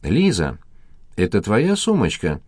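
A man's voice: fairly low pitch, wildly swooping pitch, unhurried, darkish tone, breathy edge, dry recording, studio quality, full character voice. A man voicing a vain, flighty young female pop star who gushes and takes offense easily. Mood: gushing.

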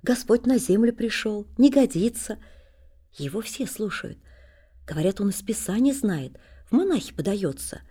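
A woman calmly narrating a classic novel as an audiobook. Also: lowish voice, slightly rough. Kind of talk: scripted narration.

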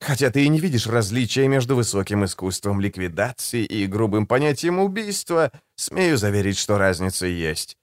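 A man reading an audiobook, voicing a suave, condescending male assassin in a soft, low, silky voice. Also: expressive, moderate pace, few pauses, dry recording, studio quality, natural voice. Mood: silky, ironic. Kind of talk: audiobook character voice.

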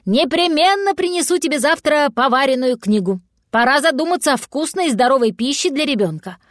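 A woman voicing an unseen male voice from the forest who talks in a brisk, folksy, bantering way. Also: high voice, animated, dry recording, clean studio sound, voice pushed up.

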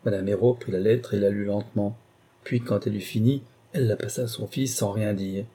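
Mellow, husky male audiobook narrator. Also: lowish voice, fairly even intonation, a little fast. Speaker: audiobook reader. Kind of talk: scripted narration of a classic novel.

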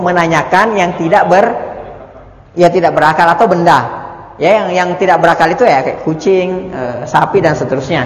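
A man teaches an Arabic lesson to a religious study group, patient and chatty, laughing often. His voice sits fairly high, and he acts out little question-and-answer exchanges. The recording carries the long ringing echo of a hall. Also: fairly bright tone. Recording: echoey room recording.

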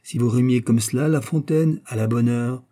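A pedantic writer in an audiobook keeps pressing his point, as a man reads him. He sounds stubborn and fussy, with a dark tone. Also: mid-range voice, normal speed, close to an everyday voice. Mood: insistent. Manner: insistent and pedantic. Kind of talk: audiobook character voice.

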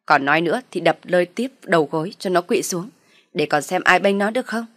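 A woman voicing a harsh, scolding older mother-in-law in a storybook reading, loud and berating. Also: lowish voice, expressive, a little fast, no room sound, clean studio sound. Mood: vicious.

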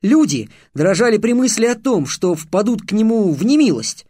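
Мужчина изображает юного ученика, высокий голос, пылкая обличительная речь, сухая запись. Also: male voice, sits high, big pitch swings, moderate pace, dark tone, no echo, clean studio sound, voice pushed up. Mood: impassioned. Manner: timid at first, then impassioned and accusing. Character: young male apprentice, a nervous boy turned fiery orator. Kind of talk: audiobook character voice.

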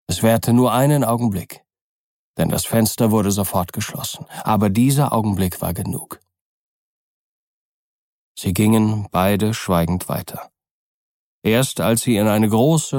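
A male audiobook narrator with a lowish voice, telling the story in a measured, even way. His pace is very slow and deliberate. The sound is close and completely dry. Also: dry recording.

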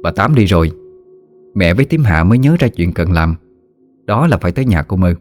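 A man narrating a ghost story in an expressive storytelling manner. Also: sits low, a little fast. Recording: faint background music.

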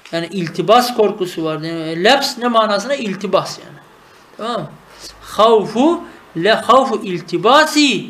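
A man gives a traditional grammar lesson, asking his students questions and then answering them himself. His voice sits high for a man. The recording rings with the echo of a bare room. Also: fairly bright tone. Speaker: teacher of Arabic grammar. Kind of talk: traditional madrasa-style lesson.

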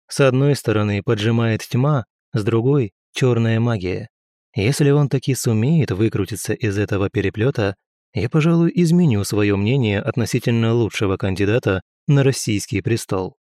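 A man's voice: mid-range voice, normal speed, warm tone, no echo. Dry, wry male audiobook narrator. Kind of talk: first-person audiobook narration.

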